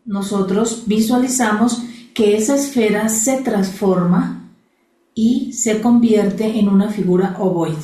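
Warm-voiced woman guiding a meditation. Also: mid-range voice, reverberant, low-quality recording. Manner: slow, repetitive, soothing phrasing. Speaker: spiritual teacher. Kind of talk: guided meditation teaching.

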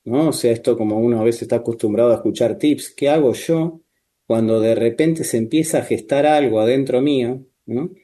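A man talks as a therapist in a calm, measured way, often tagging his points with short questions. His voice is mellow and dark, at a middle pitch. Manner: measured, with frequent tag questions. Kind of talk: calm explanatory talk.

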